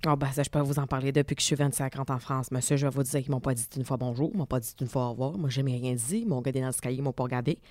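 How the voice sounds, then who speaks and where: A man's voice: medium pitch, fairly even intonation, very fast, few pauses, darkish tone, no echo, clean studio sound, close to an everyday voice. A man voicing a chatty, blunt middle-aged woman neighbor in an improvised comedy sketch, rambling through indignant complaints. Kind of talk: improvised comedy role-play.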